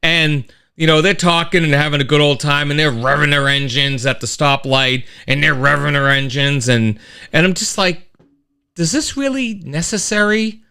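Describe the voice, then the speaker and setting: Middle-aged male host, animated rambling monologue, slightly high, smooth voice. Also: normal speed. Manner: animated storyteller, rambling with restarts and sound effects. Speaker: host of a weekly live-stream show. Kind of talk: casual monologue to a live chat.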